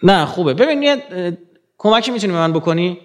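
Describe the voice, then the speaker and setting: Male lecturer addressing a crowd, higher-pitched, lively delivery that swings from quiet asides to forceful climaxes. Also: heavy background noise. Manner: animated, swings from low murmurs to emphatic rising peaks. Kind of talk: lecture to an audience.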